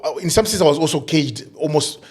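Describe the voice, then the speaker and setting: Middle-aged guy from zimbabwe, talks slow and halting, lots of "you know", keeps restarting. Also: a little high, animated, a little mellow, husky. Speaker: guest, diversity and inclusion coach. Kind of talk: conversational interview.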